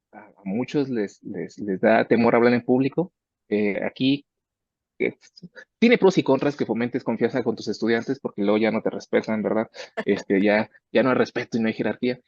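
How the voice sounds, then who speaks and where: A research professor talks conversationally about mentoring his research students, frequently acting out the exchanges between him and them. His voice is mid-range with a darkish tone, and the recording sounds dull and dry with no echo.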